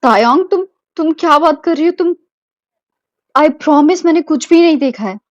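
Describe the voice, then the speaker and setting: A woman voicing a gentle young husband who stammers through apologies, in an amateur audio drama. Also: high voice, normal speed, no room sound, dull audio, voice pushed up, close to an everyday voice. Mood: flustered.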